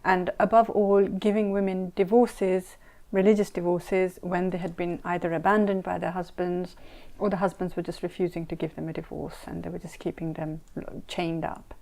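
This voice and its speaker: A woman's voice: fairly low pitch, flat delivery, moderate pace, creaky, mellow. A middle-aged woman scholar and mediator, born in Saudi Arabia and raised in Kenya and London, answering interview questions in an earnest, emphatic way and repeating points for stress.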